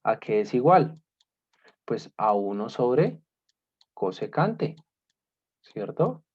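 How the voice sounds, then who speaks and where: A man's voice: mid-range voice, very animated, extremely slow. A man teaching a basic math class in patient steps, often checking in with his students. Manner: checks in often with "¿listo?" and "¿cierto?"; patient, step-by-step explaining. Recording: dull lo-fi class recording.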